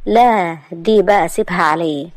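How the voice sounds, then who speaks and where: A woman with an Egyptian accent voicing an older uncle who speaks firmly and deliberately. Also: lowish voice, dry recording, natural voice. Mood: insistent. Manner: firm, deliberate, insistent. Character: firm older uncle insisting on inheritance.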